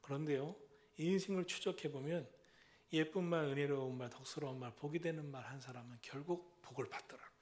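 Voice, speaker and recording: Middle-aged male pastor, slightly high voice, rhythmic repetitive preaching, loud calls dropping to whispers. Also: a little fast. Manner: swings between loud exhortation and hushed whispers. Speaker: senior pastor. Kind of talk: sermon.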